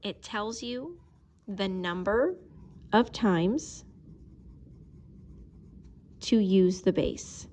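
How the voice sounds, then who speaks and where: Female teacher, mid-pitched, patient, step-by-step math lesson voice, occasionally slows down while writing. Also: lively intonation, a little mellow. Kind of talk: recorded math video lesson.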